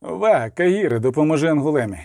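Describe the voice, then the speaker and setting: A man's voice: fairly high pitch, animated, fast talker, vocal fry, mellow, dry recording, clean studio sound. A man voicing a curt, hardened monster hunter. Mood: urgent. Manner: terse barked orders.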